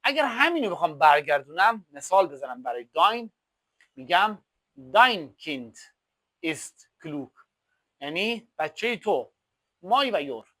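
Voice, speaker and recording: A man whose first language is Persian teaches German at a fairly high pitch that swings widely. He slows to a crawl on each example phrase and repeats it like a drill. The sound is dry and close, with no room echo. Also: very animated, bright, forceful tone. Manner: slow, drawn-out German example phrases between quick explanations. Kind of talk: language lesson explaining examples.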